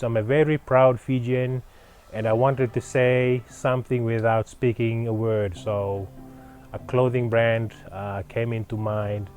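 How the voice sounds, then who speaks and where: A man's voice: mid-range voice, a little mellow. A man from Fiji, a clothing brand founder, answering interview questions in an earnest, proud way with many fillers and restarts.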